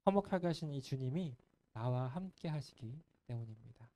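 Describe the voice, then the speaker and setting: Man preaching a church sermon, warm mellow tone, earnest and gentle, soft trailing phrase endings. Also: mid-range voice, lively intonation, moderate pace. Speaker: pastor. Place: church sanctuary.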